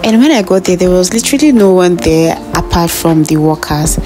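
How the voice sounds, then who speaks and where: A woman's voice: lowish voice, lively intonation, fairly quick. A Nigerian woman in her twenties chatting through a casual vlog voice-over, confiding and full of little fillers. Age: 20s. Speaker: vlogger. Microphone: phone or recorder voice-over. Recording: voice-over with loud music behind.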